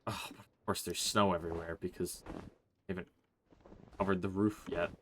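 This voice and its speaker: A man hosting a Let's Play, chatting through his gameplay in a relaxed, rambling way, thinking aloud with plenty of "uh" and "like". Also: sits low, moderate pace, slight background noise. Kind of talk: casual gameplay commentary.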